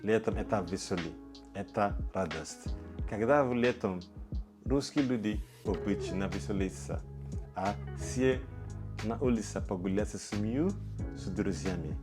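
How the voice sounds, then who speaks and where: A man hosting his own channel, giving a slow, careful, scripted introduction. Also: on the low side. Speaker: YouTube channel host. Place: outdoors in a city. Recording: background music. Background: music.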